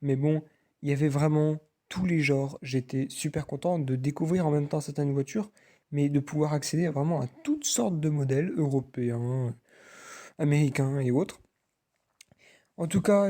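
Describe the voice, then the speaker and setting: A man with a French accent wrapping up his vlog in casual, halting chat full of fillers. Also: on the high side, warm tone. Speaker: vlogger. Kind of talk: casual outro to camera.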